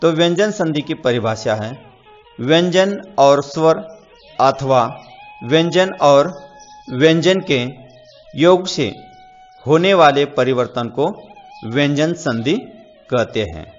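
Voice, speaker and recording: Very slow, measured male teacher. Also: fairly high pitch, expressive. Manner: speaks in short measured phrases, dictating definitions. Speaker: Hindi grammar teacher. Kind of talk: slow, deliberate classroom explanation. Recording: slightly dull audio with faint music.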